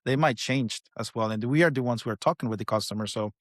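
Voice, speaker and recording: A man's voice: medium pitch, fast talker, dry recording. Man, latin american spanish accent, podcast host, hesitant, repeats words, dry sound. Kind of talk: casual interview talk.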